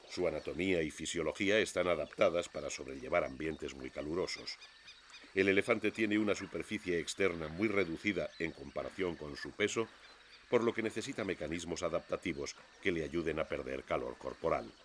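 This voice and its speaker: A man narrates a scripted nature documentary in a measured, expository storytelling manner. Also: sits low, animated, fairly bright tone, a little hiss or hum.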